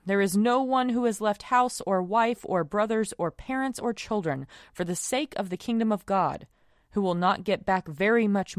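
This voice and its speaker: A woman worship leader reading scripture and prayers aloud in a solemn, measured, formal way. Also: medium pitch, no room sound, studio quality. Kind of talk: liturgical reading and recited prayer.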